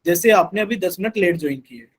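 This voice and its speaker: A man's voice: high voice, expressive, quick pace, husky, rough recording. A man teaching a live online math class, patiently repeating instructions to his students.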